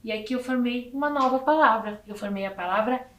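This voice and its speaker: A woman from Brazil teaching young children in a video lesson, slowly counting letters and syllables aloud. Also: fairly high pitch, fairly bright tone, echoey room.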